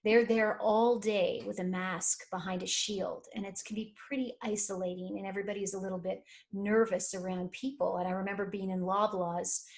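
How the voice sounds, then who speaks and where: Woman coach telling stories warmly. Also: medium pitch, normal speed, few pauses. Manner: animated storyteller acting out quoted voices. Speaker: life and career coach, guest. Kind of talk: conversational interview storytelling.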